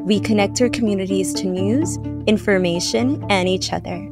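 A woman hosts a podcast, reading her scripted introduction in a measured, polished announcer voice. A clear plucked-guitar music bed plays underneath her. Her pitch sits in the middle range. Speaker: podcast host.

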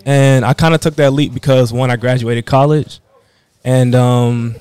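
A man's voice: mid-range voice, steady tone, a little slow, a little mellow, smooth, faint music behind. A young man from the Washington DC area, a fashion designer, talking easygoing with lots of "you know". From Washington DC area, United States. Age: young adult. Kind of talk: casual interview answers.

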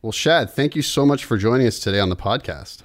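A man's voice: mid-range voice, lively intonation, brisk, soft background music. A man hosting a podcast, friendly and asking his guests questions in casual chat. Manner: friendly, asks questions, laughs. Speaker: podcast host.

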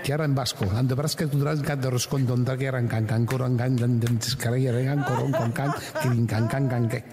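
A man's voice: medium pitch, brisk, crowd noise, lightly acted. A man playing a pushy, joking fake priest on a prank phone call, rambling through mock-solemn prayers and gibberish.

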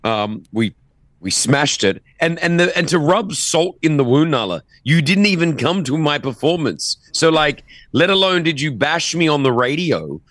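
A man's voice: fairly high pitch, very animated, moderate pace, a bit bright, no room sound. Teasing mock-offended male radio host. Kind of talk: playful radio banter. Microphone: studio microphone.

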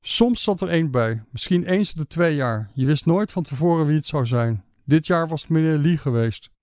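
Male audiobook narrator, calm and measured, matter-of-fact, dry close sound. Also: a little high, no room sound.

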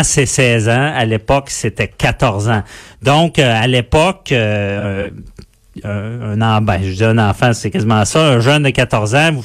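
A man with a Quebec French accent, a legal guest on a news interview, explaining points of law in a halting way and stumbling over his words. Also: medium pitch.

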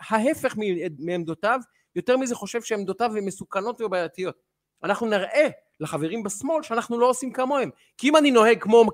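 High-pitched, emphatic man arguing his case. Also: a bit bright, no echo, clean studio sound. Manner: emphatic and argumentative, with frequent hesitations and restarts. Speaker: TV journalist and interviewer. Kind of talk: impassioned opinion monologue on a podcast.

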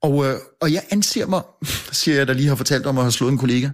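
A man who works as a newspaper editor, a guest telling a story in casual chat, full of restarts and fillers and chuckling at himself. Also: mid-range voice. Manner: halting, many restarts and fillers.

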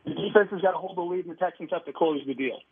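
High husky man over a tinny phone. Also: rapid-fire, no echo. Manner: emphatic, piles up examples. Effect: heard over a phone line. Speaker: sports radio host calling in as guest. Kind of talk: sports analysis chat. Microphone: telephone.

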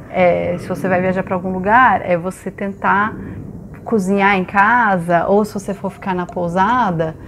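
Woman, Brazilian accent, average pitch, conversational, advisory interview talk. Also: slight background noise. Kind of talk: conversational spoken advice.

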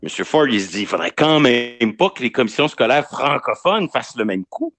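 A man's voice: mid-range voice, very animated, fairly quick, fairly bright tone, no echo. A man with a Quebec French accent giving conversational legal analysis on the radio, explaining point by point. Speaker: legal commentator, regular columnist.

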